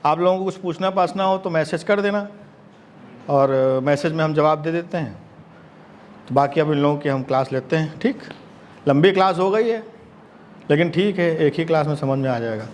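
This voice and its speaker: A man teaching an acting class in a lively lecture style, acting out bits of dialogue with laughs along the way. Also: on the high side, moderate pace, long pauses, slight background noise. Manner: animated, acts out quoted dialogue with laughs. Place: classroom with students.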